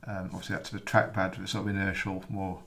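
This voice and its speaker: A man who is losing his voice, explaining his software in a rambling, casual tutorial full of ums and uhs. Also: deep voice, level tone, fast talker, creaky. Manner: rambling, many ums and uhs, self-correcting. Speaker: software developer demonstrating his app. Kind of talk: casual screen-recorded tutorial.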